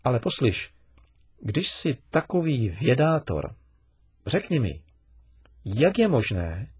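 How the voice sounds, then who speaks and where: Give me a patient, teasing storybook father, as a male narrator puts him on, slightly husky. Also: medium pitch, very animated, a little mellow, dry recording, studio quality. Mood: questioning. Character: patient, gently teasing middle-aged father.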